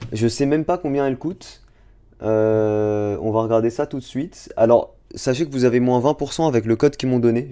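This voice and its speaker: A young man who streams drawing chats casually with viewers during a live-stream unboxing. He's chatty and speaks directly to chat in a warm, mid-range voice.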